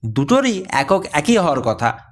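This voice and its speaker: A man's voice: fairly high pitch, big pitch swings, normal speed. Man reading an adventure story aloud. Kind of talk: scripted audiobook narration.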